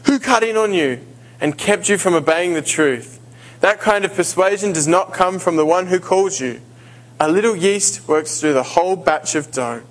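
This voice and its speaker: A high-pitched Australian man speaks at normal speed as a visiting guest preacher giving a sermon in a church sanctuary. He hesitates with fillers and restarts, then reads scripture aloud. The handheld or stand mic recording is low quality.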